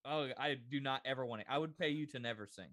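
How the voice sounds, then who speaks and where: A man with a medium-pitched, fairly bright voice co-hosts a podcast, answering questions quickly in casual banter. He teases his partner with incredulous disbelief and swears freely. The sound is studio quality with no echo.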